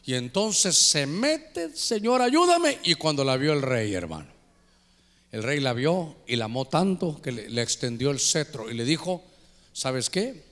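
A man preaching a sermon as pastor, animated and full of call-and-response, telling humorous stories. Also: a little high, measured pace, big-room sound. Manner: tells humorous anecdotes.

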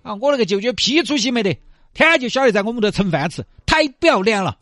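A man's voice: very high voice, lively intonation, fast talker, a bit bright, no room sound, clean studio sound, pitched above the performer's own voice. A man playing an envious young village man with a Sichuanese accent, grumbling sourly about a friend in a comic storytelling skit. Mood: resentful. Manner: sour, complaining.

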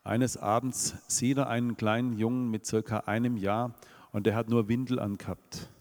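Brief: male preacher, Swabian accent, middle pitch, sermon to a congregation, long hall reverb. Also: little pitch movement, moderate pace, darkish tone. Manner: rhetorical questions to the congregation.

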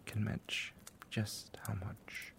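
A man voicing an affectionate, doting male dragon lover in an ASMR roleplay, talking softly and often in a tender whisper. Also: drawn-out words, noisy background.

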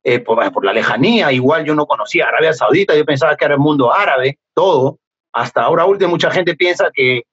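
A middle-aged Peruvian man with a Peruvian Spanish accent, telling stories as an interview guest, animated and laughing often. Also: a little high, quick pace, husky. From Peru. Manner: animated, laughs often, acts out remembered dialogue. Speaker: guest, former footballer. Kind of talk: casual storytelling interview. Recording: dull lo-fi podcast audio.

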